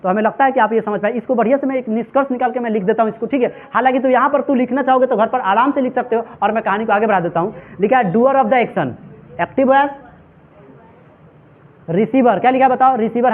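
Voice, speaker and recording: Man, teacher, repetitive quizzing, very high voice, narrow lo-fi phone sound. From Bihar, India. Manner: drilling students with repeated questions. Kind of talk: classroom grammar lesson.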